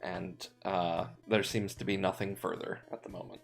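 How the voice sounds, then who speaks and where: A man with a very low, gravelly voice narrates as game master of an online tabletop game. He talks slowly and easily. Faint music plays underneath. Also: little pitch movement.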